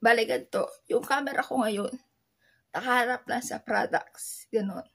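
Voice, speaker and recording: A woman from the Philippines chatting casually as an online seller, with a soft voice that sounds like crying, talking haltingly with many fillers. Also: on the high side, creaky. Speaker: online seller sharing tips. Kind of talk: casual vlog talk.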